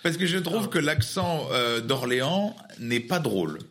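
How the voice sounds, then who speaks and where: Male podcast co-host, bright tense tone, lively delivery, opinionated riffing. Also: fairly high pitch, a little slow. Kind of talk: casual chat.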